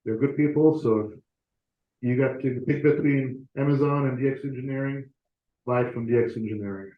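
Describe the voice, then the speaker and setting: An author speaking as a guest at a club delivers a relaxed, chatty talk with a self-deprecating streak to a live audience in a meeting room. His voice sits at a medium pitch and moves at a moderate pace. The room is echoey and the audio comes through slightly muffled.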